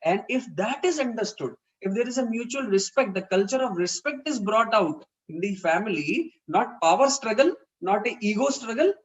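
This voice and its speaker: A man's voice: sits high, animated, moderate pace, few pauses, rough recording. A man with an Indian English accent giving an earnest, explanatory parenting talk in an online webinar. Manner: earnest, explanatory, acts out quoted dialogue.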